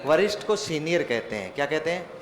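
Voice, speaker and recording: Male teacher, slightly high voice, quizzing himself aloud, joking asides, roomy echo. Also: sing-song, a little fast, a crowd in the background. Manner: joking, mock-dramatic asides; asks questions and answers them himself. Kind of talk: online exam-prep class. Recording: echoey room with faint ambient noise.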